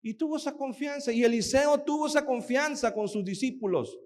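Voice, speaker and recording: A man's voice: very high voice, brisk. A man preaching a sermon, telling the story vividly and asking the audience rhetorical questions. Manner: animated storytelling, acts out quoted voices. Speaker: pastor.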